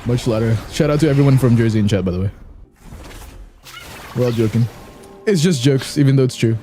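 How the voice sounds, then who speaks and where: A man's voice: medium pitch, expressive, fairly quick, mellow, soft background music. A man streaming a game, chatting casually and joking, boasting about his accent skills. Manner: joking, rambling, self-boasting. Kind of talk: casual gameplay commentary.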